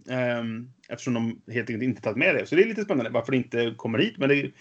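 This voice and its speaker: A man co-hosting a casual board game news chat. He speaks in a measured, hesitant way, with a mildly cynical edge. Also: mid-range voice, animated, fairly bright tone, breathy edge, lo-fi sound. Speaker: podcast co-host.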